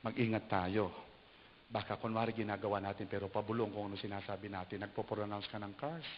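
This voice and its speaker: A man preaching an animated sermon, a bishop who leaps into high mocking voices when he acts out the people he quotes. His voice rings out with a long hall echo, and the recording sounds dull with a faint hiss underneath. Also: brisk.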